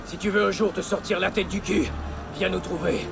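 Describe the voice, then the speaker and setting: Old drunken assassin mentor, gravelly and scornful, video game dub. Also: male voice, sits high, fairly even intonation, fairly quick. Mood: gruff mocking. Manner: barking, mocking orders. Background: game music.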